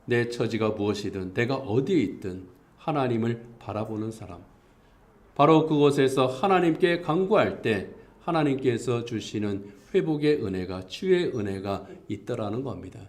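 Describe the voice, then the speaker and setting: A man's voice: medium pitch, animated, normal speed. A male pastor delivering a Sunday sermon, earnest in tone, his voice rising for emphasis and reading scripture aloud. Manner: reads scripture aloud with the congregation.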